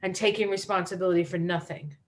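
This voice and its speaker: A woman's voice: lowish voice, steady tone. Chatty, teasing woman co-host. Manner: chatty, teasing, quick to laugh. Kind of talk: casual chat.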